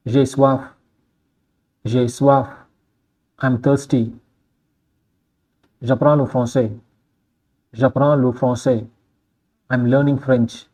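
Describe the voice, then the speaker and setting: A man reads out a scripted list of phrases at a very slow, deliberate pace. His voice is mellow and dark, and he says each line twice before giving its English meaning. The delivery is steady and measured. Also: medium pitch. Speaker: language teacher.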